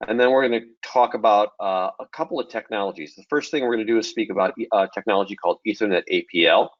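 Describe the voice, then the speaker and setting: A man presenting a technical webinar, relaxed and full of ums and restarts. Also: fairly low pitch, quick pace, no echo. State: early-morning voice. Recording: dull lo-fi webinar audio.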